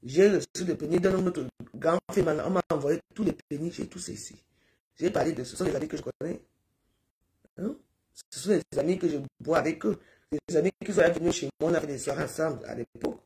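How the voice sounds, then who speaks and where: Gravelly woman rambling on a live stream. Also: sits low, brisk, darkish tone. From Cameroon. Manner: rambling, pleading, repeats herself.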